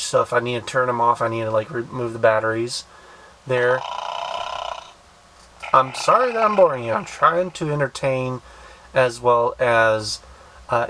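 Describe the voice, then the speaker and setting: A man casually reviewing a toy, thinking aloud with halting restarts. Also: medium pitch, bright, forceful tone, slight background noise, poor audio. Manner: hesitant, many fillers and restarts, thinking aloud.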